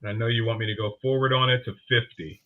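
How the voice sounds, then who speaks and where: A man's voice: medium pitch, fairly even intonation, fast, narrow, tinny audio, very noisy. A man hosting a talk show in a casual, joking panel-chat style, introducing clips. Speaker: host running the clips.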